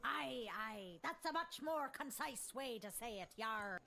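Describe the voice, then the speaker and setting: A swaggering female pirate captain from a video game, pitched high. She is a boisterous old sea dog with a theatrical stage pirate accent and salty, archaic turns of phrase. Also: animated, unhurried, creaky, pushed and bright, slight background noise, exaggerated voice. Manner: theatrical, archaic nautical slang.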